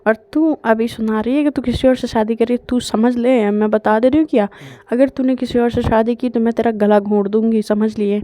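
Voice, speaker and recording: Woman voicing a dramatic protective young woman, rapid scolding rants, high voice. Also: fairly even intonation, warm tone, no room sound, natural voice. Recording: dull lo-fi, dry.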